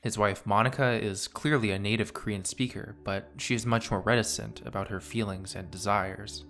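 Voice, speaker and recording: A man in his twenties narrating a scripted video essay in a measured, analytical way. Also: fairly low pitch, steady tone, a bit bright, faint music behind.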